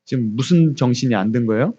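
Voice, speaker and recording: Male pastor preaching, keeps asking the church questions, dark mellow voice, dull lo-fi sound. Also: quick pace, husky. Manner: asks the congregation questions and answers them; acts out God's words in a quiet low voice. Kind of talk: sermon.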